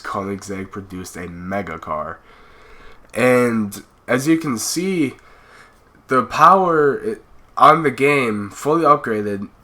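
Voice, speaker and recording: Playing a racing game, this young man hosts his gaming channel with a cold, his commentary casual, laid-back and full of fillers as he rambles. The voice is lowish, bright and forceful.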